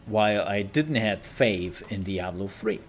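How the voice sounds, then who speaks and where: A man's voice: fairly low pitch, measured pace. A man giving casual commentary as he plays a video game and hosts the playthrough. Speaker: gamer, let's play host. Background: game music.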